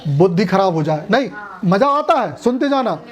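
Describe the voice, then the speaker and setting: A man's voice: high voice, sing-song, moderate pace. A man teaching a classroom lecture at a coaching class, chatty, joking and often asking students questions.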